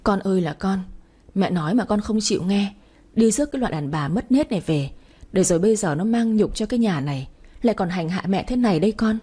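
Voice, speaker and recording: A woman reading a story voices a spiteful, scheming older mother-in-law who scolds and insults in a shrill tone. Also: animated, fast talker, warm tone, breathy edge. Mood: whining.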